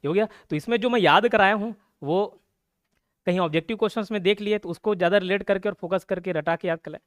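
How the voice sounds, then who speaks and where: Male exam tutor, young, raised voice pitch, dry close sound, playful mnemonic style, constant check-ins. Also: fast talker, no room sound. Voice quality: chatty, repeats check-ins like "okay" and "clear". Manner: playful mnemonics, laughs at own jokes. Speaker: exam coaching teacher. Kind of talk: casual classroom lecture.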